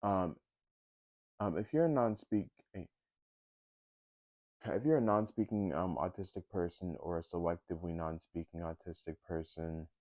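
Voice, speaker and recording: A man's voice: deep voice, moderate pace, long pauses, darkish tone, no room sound. A young man talking in a casual personal vlog, hesitant, with many fillers and restarts. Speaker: vlogger.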